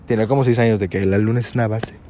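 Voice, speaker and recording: A man with a Mexican accent chatting loudly with a friend, slangy and full of fillers. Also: fairly low pitch, steady tone, rapid-fire. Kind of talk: casual chat among friends.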